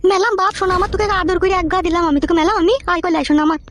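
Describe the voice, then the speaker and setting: A woman's voice: extremely high pitch, very fast. A woman voicing a screeching, abusive, jealous young wife in a comedy cartoon. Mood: coaxing. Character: shrill, foul-mouthed jealous young wife. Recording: loud background noise and traffic.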